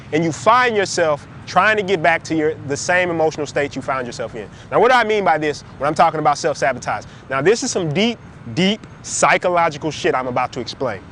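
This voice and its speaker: A man giving an emphatic, animated motivational talk straight to camera. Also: a little hiss or hum. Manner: animated, emphatic, swings between high and low. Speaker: motivational speaker.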